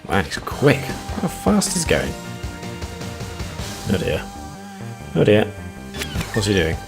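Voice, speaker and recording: A man's voice: fairly low pitch, huge pitch swings, slow, creaky, music in the background. A man giving casual let's play commentary over a video game. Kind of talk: casual game commentary, reading game dialogue aloud.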